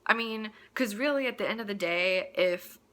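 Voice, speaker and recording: A woman hosts a personal rant in a mid-range voice with a sharp tone, speaking at normal speed. She is casual and opinionated, blunt and crude, clearly exasperated, and throws in mocking asides.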